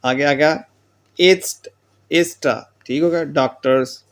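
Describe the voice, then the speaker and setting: Speaking slowly with a fairly high pitch, a man explains German pronunciation in a patient classroom lecture. He reads out example words and their meanings from lists, often finishing with the short tag "theek ho gaya ji."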